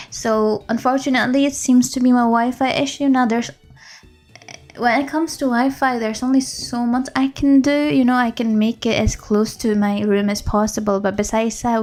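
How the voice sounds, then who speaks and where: A woman's voice: a little high, a little mellow. A woman game streamer chatting casually on a live stream from a room at home, rambling and laughing often. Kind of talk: casual livestream chat.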